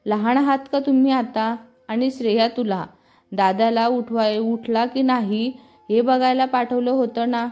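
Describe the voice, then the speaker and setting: A woman's voice: fairly high pitch, steady tone, unhurried, a little mellow, highs cut off, lightly acted. A woman voicing a middle-aged mother who scolds her grown children. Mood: scolding.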